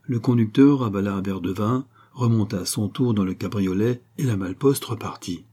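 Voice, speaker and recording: A man's voice: lowish voice, moderate pace, dark tone, breathy edge. A man reading a classic novel aloud as an audiobook narrator, lifting his voice for the dialogue.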